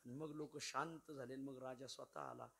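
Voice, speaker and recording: A man preaching a devotional story in a sermon, lively and repeatedly addressing his listeners as Maharaj. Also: mid-range voice, moderate pace, breathy edge. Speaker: kirtan preacher. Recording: musical accompaniment behind voice.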